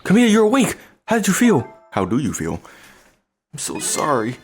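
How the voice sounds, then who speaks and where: A man's voice: a little high, wildly swooping pitch, normal speed, faint music behind, voice pushed up. A man voicing a caring young woman who speaks earnestly and apologetically. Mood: apologetic.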